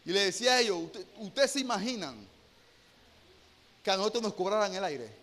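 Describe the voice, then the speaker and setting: Male pastor, high and bright voice, preaches with rhetorical questions, hushed storytelling rising to loud exhortation. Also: animated, a little fast. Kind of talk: sermon.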